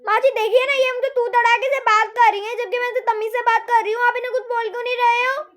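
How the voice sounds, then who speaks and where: A woman's voice: fairly high pitch, brisk, warm tone, pitched below the performer's own voice, natural voice. A woman playing a touchy young daughter-in-law who complains and grumbles in a homemade family drama. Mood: complaining. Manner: whiny, complaining.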